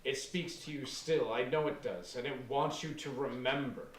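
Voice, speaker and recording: Man doing a soft-spoken sinister cult leader, lowish voice, grandiose, roomy echo, faint noise. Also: normal speed, far from the mic, close to an everyday voice. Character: calm, menacing middle-aged male cult leader.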